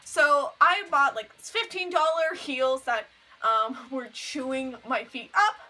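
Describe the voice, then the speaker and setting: A young woman, telling a story to camera in a chatty, animated way and saying "like" a lot. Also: high voice, slow, poor audio. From Canada. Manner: chatty, heavy use of "like", animated retelling. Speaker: vlogger. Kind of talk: casual storytelling.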